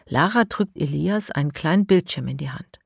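A woman narrating a children's audiobook in a calm, measured way. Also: low-pitched, creaky, breathy edge, no echo, studio quality.

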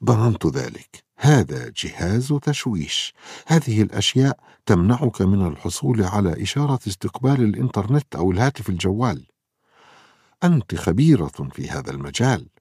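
A sharp, knowing woman truck driver in a children's story, voiced by a man a few steps above his usual pitch. She speaks plainly and with authority. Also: very animated, a little fast, breathy edge, no echo, studio quality, heavily acted.

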